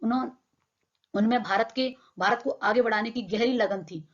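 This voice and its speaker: A woman's voice: fairly high pitch, moderate pace. A young woman teacher explaining a textbook lesson in plain words, asking her own questions and answering them. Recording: dull lo-fi sound.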